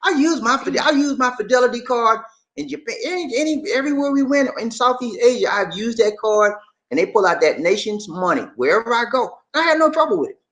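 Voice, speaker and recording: This Charleston man, hosting a livestream, talks to his viewers in a relaxed, folksy, colloquial way with his Southern Gullah Geechee accent, frequently repeating himself. His voice is very high, animated, brisk, and a bit bright.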